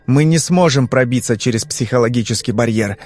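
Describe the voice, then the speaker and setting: A man playing a calm, terse male investigator who questions people in measured phrases. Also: medium pitch, no room sound, close to an everyday voice. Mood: brusque.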